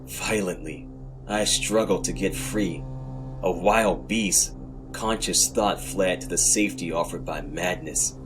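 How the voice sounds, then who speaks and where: A low-pitched man hosts a horror fiction narration, delivering a scripted, dramatic and brooding reading full of deliberate pauses. Music plays behind him and the audio quality is poor.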